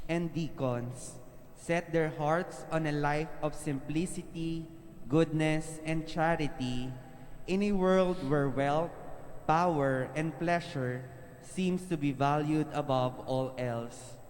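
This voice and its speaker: A man reading the prayers of the faithful at a pulpit microphone in a church, in a slow, measured, phrase-by-phrase way. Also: fairly high pitch, a little mellow, slight background noise. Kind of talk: liturgical reading. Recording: long church reverb.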